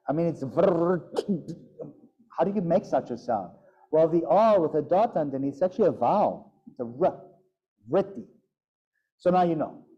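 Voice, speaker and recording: Slow, dark-voiced male yoga teacher. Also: fairly high pitch. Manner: slow, playful, demonstrating sounds aloud. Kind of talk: teaching a class. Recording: dull lo-fi sound.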